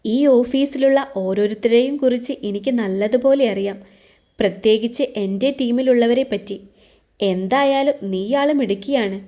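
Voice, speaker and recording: A woman's voice: fairly high pitch, moderate pace, warm tone, close to an everyday voice. A woman voicing a spiteful female team leader who taunts a coworker in a mocking tone.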